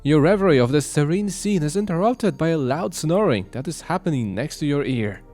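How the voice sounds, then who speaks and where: A man with a somewhat high voice narrates a visual novel for his channel. His reading is casual and playful, with a light touch. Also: expressive, fairly quick, a little mellow, faint music behind. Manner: playful, reads then breaks into jokes.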